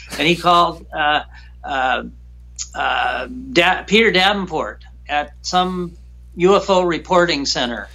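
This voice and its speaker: Man, guest, personal story, halting, repeats himself, bright voice. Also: high voice. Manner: emotional, halting retelling with repeated phrases.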